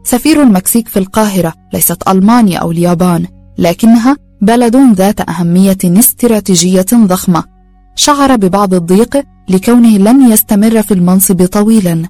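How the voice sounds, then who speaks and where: A woman narrating a story in a calm, steady reading voice. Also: medium pitch, fairly quick, no room sound, faint music behind.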